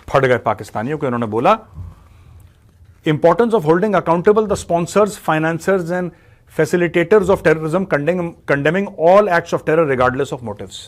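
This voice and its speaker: Husky man in blunt scornful commentary. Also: medium pitch, darkish tone. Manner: blunt, scornful, mixes Hindi with English phrases. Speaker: political commentator. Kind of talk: opinionated commentary; reads quotes slowly in English.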